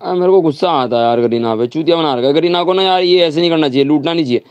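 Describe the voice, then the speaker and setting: A man's voice: a little high, racing, darkish tone, clean tone, dry recording, muffled recording. A young man streaming a mobile game live, ranting and swearing in anger, with a slightly sore throat. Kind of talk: live gaming stream chat.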